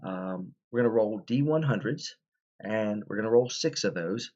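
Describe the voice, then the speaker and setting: A man with a very low, darkish voice explains a tabletop game in a casual, rambling tutorial full of ums and restarts, sounding tired as if stifling yawns. His intonation is lively and his pace moderate, and the recording is dull and lo-fi.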